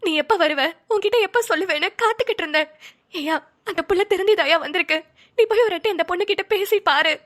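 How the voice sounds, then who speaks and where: A woman's voice: very high voice, quick pace, fairly bright tone. A woman voicing a worried, coaxing middle-aged mother-in-law in a cartoon, speaking colloquial Tamil Nadu Tamil. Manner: coaxing, motherly, calls son affectionately.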